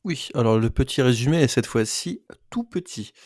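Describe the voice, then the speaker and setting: A man's voice: medium pitch, a little fast, darkish tone, dry recording. Podcast co-host guy, jokey, stumbles with euhs, dry mic. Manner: hesitant, joking, many fillers. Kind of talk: casual podcast chat.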